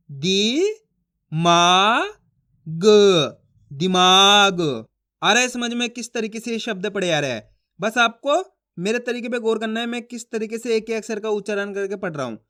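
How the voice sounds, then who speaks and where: A man teaching beginners to read, sounding out each syllable and then saying the whole word louder, with patient, encouraging explanations. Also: sits high. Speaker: Hindi reading teacher. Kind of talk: video reading lesson.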